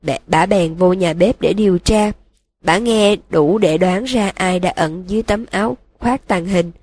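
A woman voicing a broken young male wizard who confesses in a flat, emotionless monotone, in an audiobook reading. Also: on the low side, a little slow, dry recording.

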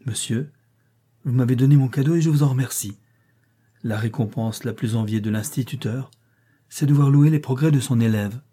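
A man's voice: medium pitch, normal speed, mellow, husky, natural voice. A man reading the part of a polite, reserved young governess in an audiobook. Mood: composed. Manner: polite and composed.

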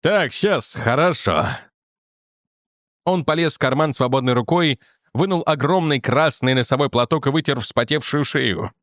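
A man reading a story aloud in an even, measured way. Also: medium pitch, dry recording, studio quality. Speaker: audiobook narrator. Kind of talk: scripted narration.

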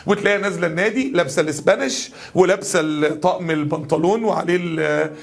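An Egyptian man in his younger adult years delivers a lively sermon at a rapid clip. His voice sits high for a man and has a husky edge. He slips into the voices of the people in his stories as he goes. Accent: Egyptian Arabic. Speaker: preacher. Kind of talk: colloquial sermon.

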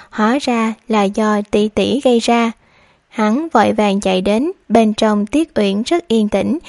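Woman, audiobook narrator, higher voice, dry close sound, steady reading. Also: no echo.

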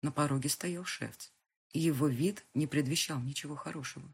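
A woman narrating a first-person audiobook with a husky voice and tense dramatic reading. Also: low voice, moderate pace, darkish tone.

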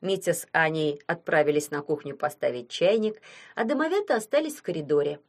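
Lively woman reading a storybook. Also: sits low, a little fast. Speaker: reader. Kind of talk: storybook narration.

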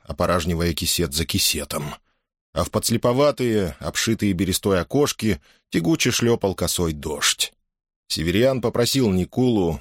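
A man narrating a novel aloud in an expressive, storytelling manner. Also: deep voice, dry recording, clean studio sound. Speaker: audiobook reader. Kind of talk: scripted narration.

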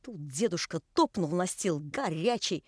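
Женщина, играющая старого ворчливого плотника. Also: female voice, lowish voice, animated, a little slow, dry recording, studio quality. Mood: reminiscing. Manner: folksy, chiding. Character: pious old male carpenter, scolding, storytelling.

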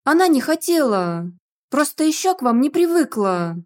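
A mischievous young witch student with a childlike, pleading whine. She speaks high and sweet to soften a scolding, voiced by a woman narrator. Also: big pitch swings, normal speed.

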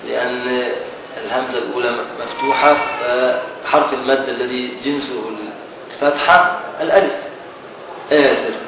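A man with an Egyptian accent teaching a classical text as a sheikh, explaining slowly, repeating key words and questioning his students. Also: mid-range voice. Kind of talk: Islamic scholarly lesson. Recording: echoey distant recording with noise.

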